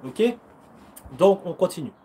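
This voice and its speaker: A man in his thirties runs a relaxed live Q&A from home as a karate coach, talking in a fairly high, bright voice. He keeps things upbeat and encouraging, peppering his talk with slang and acting out strikes and quick footwork with little sounds. A faint hiss sits under the voice. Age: 30s. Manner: slang-laden and chatty. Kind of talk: casual live-stream Q&A.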